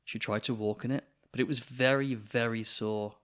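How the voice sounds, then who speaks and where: With a smooth, medium-pitched voice and a moderate pace, a man reads a picture book for children in an expressive storytelling manner.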